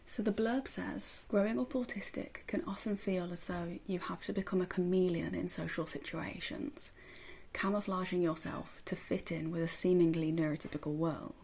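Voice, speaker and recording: An excitable woman gushing as she unboxes books, captured on a phone voice recorder app. Her voice sits a little low, with a gravelly, husky edge. She talks in a casual vlog style. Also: moderate pace. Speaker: book vlogger. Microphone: phone voice recorder used as microphone.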